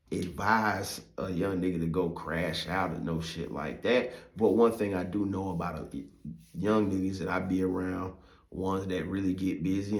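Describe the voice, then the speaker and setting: A man's voice: deep voice, gravelly, roomy sound. A middle-aged man as podcast host, talking in a loose, profane, rambling way with many fillers. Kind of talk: casual monologue.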